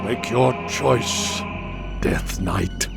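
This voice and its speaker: Elderly archmage: unhurried, stern, dignified, grave delivery, video game drama with music behind. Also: male voice, medium pitch, vocal fry, heavily acted. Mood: stern warning. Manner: measured, grave. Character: dignified old wizard, stern and disapproving.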